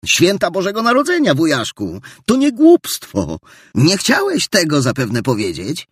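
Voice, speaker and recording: A ringing, eager young nephew with a high, lively voice, as a male narrator puts him on. His voice is a little husky and sounds dry and close to the mic, as in a storybook reading. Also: unhurried, no echo, heavily acted. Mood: cheerful pleading. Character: cheerful young man, warm-hearted nephew.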